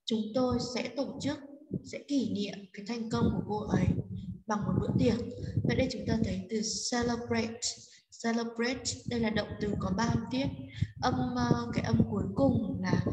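A woman with a Vietnamese accent teaching an English lesson, explaining words slowly in English and Vietnamese. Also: fairly high pitch, fairly even intonation, mellow. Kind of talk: bilingual textbook lesson. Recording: echoey room with noise.

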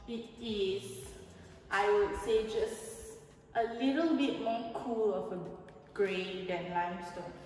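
Slow and a little mellow, a medium-pitched woman from Malaysia walks viewers through her house renovation, chatting, explaining, gesturing and peppering her talk with "um." She's recorded from a distance on a handheld camera a few feet away, somewhat off-mic, her voice echoing long in empty rooms.

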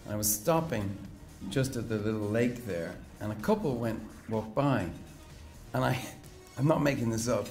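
A man's voice: lowish voice, moderate pace, darkish tone, faint music behind. A man giving a comic introduction speech at a conference lectern, telling a story playfully and building to punchlines. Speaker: guest speaker introducing an honoree. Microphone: lectern mic.

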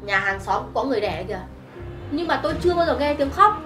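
A shrill, high-pitched, sharp-tongued mother-in-law, played by a woman who scolds with open contempt. It sounds like a web drama, recorded in a roomy space with music playing underneath. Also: animated, fast talker. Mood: scornful scolding. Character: harsh scornful mother-in-law, middle-aged.

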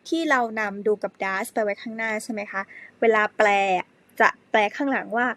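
A woman teaching an English grammar lesson to primary pupils, speaking slowly and spelling words out letter by letter. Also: a little high, fairly bright tone, dry recording. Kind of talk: slow spelled-out classroom lesson.

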